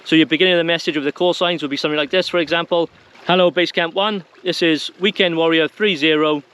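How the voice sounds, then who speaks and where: A slightly high, smooth, somewhat bright male voice moves fast with fairly even intonation. He's walking viewers through an informal how-to in a conversational, no-frills manner.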